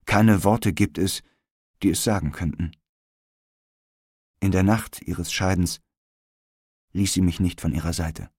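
Brief: a deep-voiced male storyteller reading gothic prose, grave and deliberate, close and dry. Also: steady tone, darkish tone, slightly rough, dry recording. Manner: solemn, measured, dramatic pauses. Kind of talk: scripted audiobook narration of a gothic tale.

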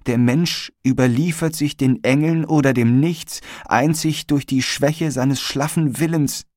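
A man's voice: mid-range voice, steady tone, measured pace, darkish tone, no echo, clean studio sound, pitched above the performer's own voice, lightly acted. A man voicing a dying young woman who cries out to God in impassioned, rising pleas. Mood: anguished pleading. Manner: impassioned, rising pleading outcry.

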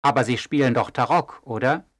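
A man playing a calm, wise scholar. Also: medium pitch, no echo, lightly acted. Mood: measured. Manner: calm, measured, gently ironic. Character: calm wise male archivist, mild and teasing. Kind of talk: audio drama acting.

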